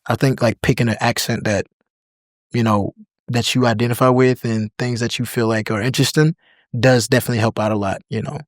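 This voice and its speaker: Speaking a little fast at a medium pitch, a young American man guests on a podcast for a laid-back interview. He leans on fillers like "like" and "you know" and drifts into other languages, all on a dry mic without echo.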